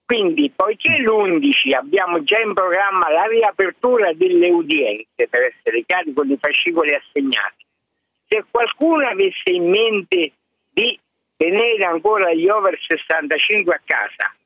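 A man in his seventies phones in to a radio show, and his voice comes through a narrow, tinny phone line with a dry sound. He speaks high and with a lively, rising and falling pitch. He lays out his argument in a measured way, with a touch of dry self-mockery. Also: no echo. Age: 70s. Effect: heard over a phone line. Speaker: radio caller. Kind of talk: call-in radio talk.

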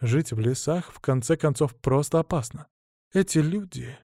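A man's voice: fairly high pitch, lively intonation, normal speed, mellow, dry recording, studio quality. A man voicing a proud, stern woman who is a battle priestess, lecturing righteously in an audiobook. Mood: sorrowful.

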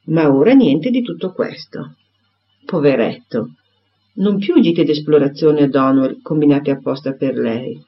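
A man narrating a classic novel as an audiobook, with expressive storytelling. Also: on the high side, a little slow. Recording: dull lo-fi recording.

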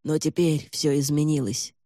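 A man's voice: fairly high pitch, level tone, normal speed, mellow, no room sound, studio quality, close to an everyday voice. A man voicing a curt, commanding old lord. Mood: irritated. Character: older gaunt male lord, curt and commanding.

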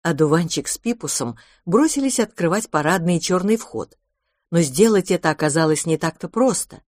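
A woman narrating a children's storybook in a lively, expressive way. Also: on the low side, normal speed, dry recording, clean studio sound. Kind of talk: storybook reading.

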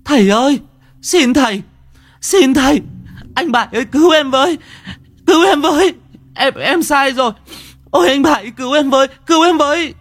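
Man putting on a young woman, shrill wailing, frantic begging, very high, storybook horror. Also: expressive, moderate pace, pauses often, fairly bright tone. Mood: wailing, pleading. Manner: pleading desperately. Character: young village woman, terrified, begging through sobs.

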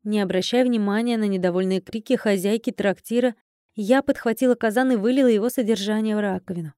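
A woman narrating an audiobook in the first person, in an even, measured storytelling manner. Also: mid-range voice, dry recording, studio quality.

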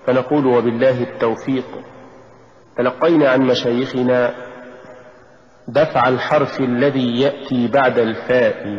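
A man teaching correct Quran recitation, saying each word deliberately in its right and wrong form. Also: medium pitch. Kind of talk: instructional recitation lesson. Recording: dull lo-fi cassette tape with long hall echo.

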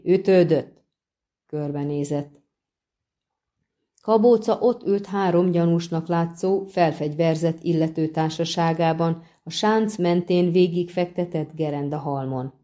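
A woman narrates a fantasy novel in a steady, measured way. Her voice is low and dark, mellow in tone. The delivery stays even across the prose. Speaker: audiobook narrator. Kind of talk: scripted narration.

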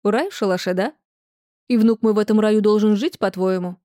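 A woman's voice: medium pitch, fairly quick, warm tone, no room sound, studio quality, natural voice. A woman voicing a stern, domineering grandmother who scolds harshly. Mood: angry.

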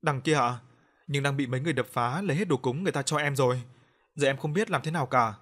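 A frightened young ghost girl, as a male storyteller puts her on, pleading through tears in a raised, louder voice pitched a little above his own. She sounds small, scared and desperate in this audio story. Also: fast, close to an everyday voice. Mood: sad. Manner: sobbing, pleading.

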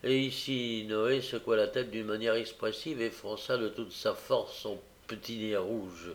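A man reading a novel aloud as an audiobook, unhurried, with frequent hesitant fillers. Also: on the low side, steady tone. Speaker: audiobook reader.

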